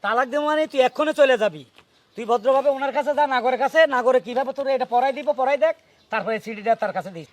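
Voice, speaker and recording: A man playing a jealous, hot-tempered village husband in a comic skit, ranting and cursing. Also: rapid-fire. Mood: angry. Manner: ranting, cursing, squeaky sped-up voice.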